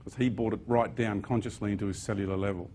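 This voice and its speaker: A man's voice: on the low side, fairly even intonation, fast, mellow, a little hiss or hum. A man giving an earnest spiritual talk to an audience, with sudden emphatic bursts. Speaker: speaker.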